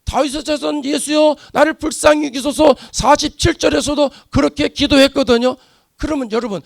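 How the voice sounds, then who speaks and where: A middle-aged man from Korea preaching a sermon as a pastor, asking the congregation rhetorical questions and swinging from soft explanation to loud exhortation. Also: very high-pitched, gravelly, no echo, studio quality.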